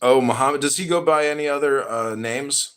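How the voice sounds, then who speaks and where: An American man hosts a podcast, firing off provocative questions while feigning ignorance, full of sarcasm and swearing. His voice is medium in pitch and a little fast, with crowd noise in the background.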